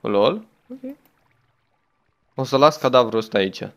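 A man's voice: medium pitch, huge pitch swings. A young man chatting his way through a game as a gaming YouTuber, exclaiming often and talking to the game and a friend. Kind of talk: let's play commentary.

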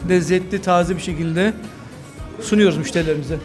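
A man's voice: high voice, brisk, over music. A middle-aged man, a restaurant owner, proudly describing his food in an interview. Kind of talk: interview answers. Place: restaurant kitchen by the grill.

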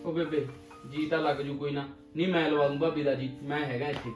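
A man's voice: fairly high pitch, fairly even intonation, quick pace, close to an everyday voice. A man playing a cheeky younger brother who teases his elder brother and sister-in-law, heard from a distance in a roomy room with music. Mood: teasing. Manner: teasing, cheeky. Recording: roomy film audio, distant mic, music.

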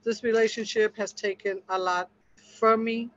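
A woman's voice: medium pitch, steady tone, normal speed. Woman, earnest storytelling testimony, fellowship group chat, dull muffled sound. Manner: earnest, storytelling, acts out quotes with laughter. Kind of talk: casual testimony in a group discussion.

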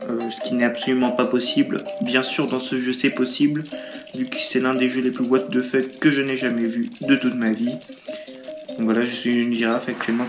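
A man giving playful, joking commentary while playing a mobile game, recorded on a tablet's built-in mic, with lots of hesitations. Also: mid-range voice. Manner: playful, jokey, frequent hesitations. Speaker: gaming YouTuber. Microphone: tablet mic through game-recording app. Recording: roomy sound over game music.

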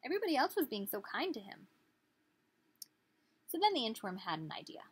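A woman in her thirties, acting as a teacher, reads a picture book to small children in a small indoor living room, expressively posing questions to them. Her slightly high, slightly rough voice is very animated and brisk, with no echo.

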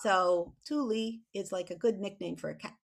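A middle-aged American woman, a children's author and illustrator appearing as a guest, chats casually with kids over a video call and explains things encouragingly. Her voice is medium-pitched, creaky, and at normal speed. She's indoors in a small home room with a bookshelf, heard through a computer mic.

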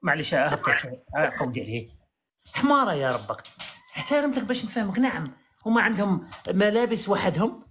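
A man with an Algerian accent hosting a live stream, talking fast and arguing with an exasperated edge. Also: sits high, very animated, a bit bright, slight background noise. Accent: Algerian Arabic. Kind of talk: heated live stream debate. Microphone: phone on a live stream.

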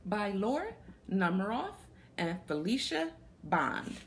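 A young woman, reading to children from a picture book, puts questions to her young listeners along the way. She has a mid-range voice that swings widely in pitch and moves at a slow pace, with a little hiss or hum audible in the small, plain indoor room.

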